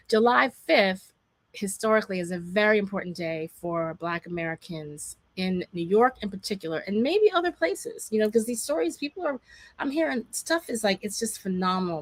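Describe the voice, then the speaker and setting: A woman's voice: medium pitch, a bit bright, no room sound. A woman hosting a casual livestream from her home, talking in a chatty, digressive way with emphatic asides. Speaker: food historian hosting a livestream. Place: indoors at home by a window. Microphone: webcam or laptop mic on a livestream.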